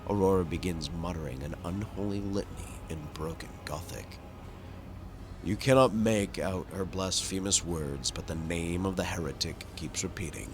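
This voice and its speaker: A low-pitched man hosts a video game playthrough, reading the story narration dramatically and commenting casually on the play.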